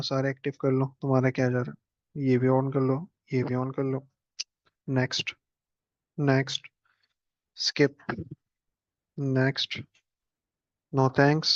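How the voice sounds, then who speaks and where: A man's voice: mid-range voice, no room sound, highs cut off. A man teaching a casual screen-share computer lesson, chatting and joking as he clicks through steps. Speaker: instructor.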